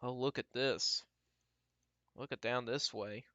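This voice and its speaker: A man giving casual, off-the-cuff live weather radar commentary as a livestream storm tracker, halting and repeating himself as he talks through what he scans. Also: medium pitch, steady tone, sharp tone, no echo. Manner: talks to himself while scanning, halting and repetitive.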